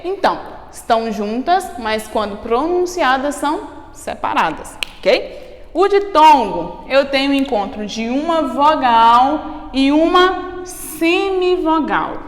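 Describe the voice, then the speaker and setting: Brazilian lady teacher going slow, spelling words out syllable by syllable, kinda high voice, big echoey room. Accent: Brazilian Portuguese. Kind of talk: school grammar lesson. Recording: echoey room with long reverb.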